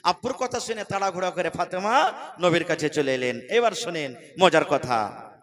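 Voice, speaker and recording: A man preaching at a religious gathering, moving from quiet talk into loud, drawn-out, sung storytelling. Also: high voice, animated. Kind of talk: sung, rising sermon storytelling.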